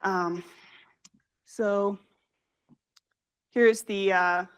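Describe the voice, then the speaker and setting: Fast-talking young woman giving a science talk. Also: mid-range voice, steady tone, smooth. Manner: fast, hurried delivery with frequent fillers and self-corrections. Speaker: graduate student presenter.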